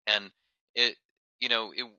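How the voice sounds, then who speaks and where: A man's voice: fairly low pitch, fairly even intonation, measured pace, pushed and bright, clear, resonant tone, no echo, dull audio. A man chatting casually about movies on a podcast, tossing in offhand remarks. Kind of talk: casual movie-review chat.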